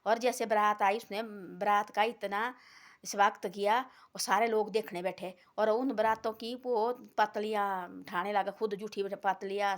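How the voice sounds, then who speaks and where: A woman's voice: medium pitch, fairly bright tone. Rambling Hindi-speaking woman storyteller. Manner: rambling, repeats phrases, many restarts. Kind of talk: casual devotional storytelling.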